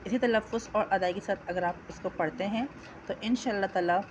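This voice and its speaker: A woman teaching Quran recitation, chanting each phrase slowly and drawn out, with quick spoken instructions between them. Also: medium pitch, noisy background. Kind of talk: slow call-and-repeat recitation lesson.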